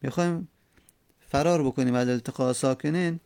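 A man's voice: mid-range voice, darkish tone, no echo. A man teaching a grammar lesson in a patient way. He repeats each example and asks rhetorical questions. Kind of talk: classroom lesson explaining grammar rules.

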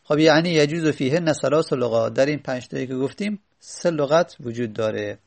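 Gravelly man teaching a grammar lesson. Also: medium pitch, darkish tone. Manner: reads an Arabic text aloud, then explains it slowly with many pauses and fillers. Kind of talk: classroom lesson explaining Arabic morphology.

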